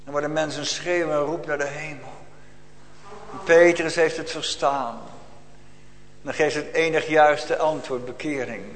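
A man's voice: fairly high pitch, steady tone, unhurried, long pauses, fairly bright tone, slight background noise. A man preaching a solemn, urgent sermon full of rhetorical questions to his congregation. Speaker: pastor. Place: church. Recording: long reverb of a church hall.

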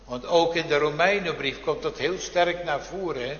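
A man preaching a Reformed church sermon, slow and solemn, with fervent rising appeals to God. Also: on the high side, fairly bright tone. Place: church hall. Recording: dull, roomy church recording with long reverb.

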